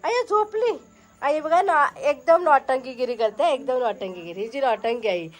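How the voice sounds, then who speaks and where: A woman's voice: high-pitched, moderate pace. A woman vlogging at home, chatting to viewers and coaxing and scolding her toddler in a casual way. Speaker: vlogger mother. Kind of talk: casual home vlog chat. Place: home, indoors.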